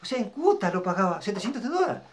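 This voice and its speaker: A man hosting his own channel, telling a personal story to the camera in a rambling, repetitive way. His voice sits a little high for a man. He keeps checking that the viewer follows. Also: big pitch swings, quick pace. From Argentina. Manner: rambling, repeats himself, asks viewers if they follow. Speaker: channel host.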